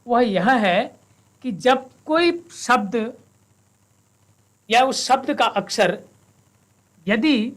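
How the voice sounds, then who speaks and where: A woman teaching a Sanskrit lesson, reciting verses slowly and spelling out each syllable. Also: on the high side, expressive. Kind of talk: classroom lesson with slow recitation.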